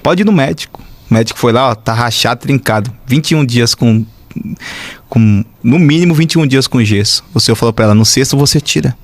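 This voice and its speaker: A Brazilian man, a pastor, telling a testimony in an excitable, animated way, with shouts and sound effects. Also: mid-range voice, brisk. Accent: Brazilian Portuguese. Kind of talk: animated testimony in casual chat.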